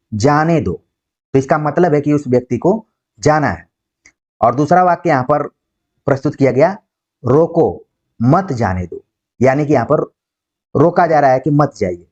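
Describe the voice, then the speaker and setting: A man's voice: a little high, a little mellow. Male Hindi teacher, dull lo-fi recording. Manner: explains slowly, acts out example words, says "ठीक है" often. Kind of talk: exam-prep lecture. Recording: dull lo-fi sound.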